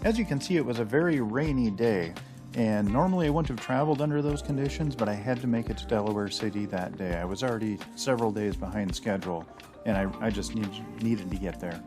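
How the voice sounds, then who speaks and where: A man's voice: lowish voice, fairly quick, over music. A man narrating his sailing vlog at home, chatty and rambling with plenty of fillers and self-deprecating asides. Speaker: sailing channel host. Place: house full of dogs.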